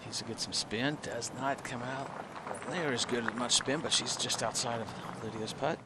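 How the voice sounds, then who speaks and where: A man's voice: medium pitch, fairly even intonation, normal speed. A man commentating live on golf, following each shot and putt and reacting to how it turns out. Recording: noisy outdoor background.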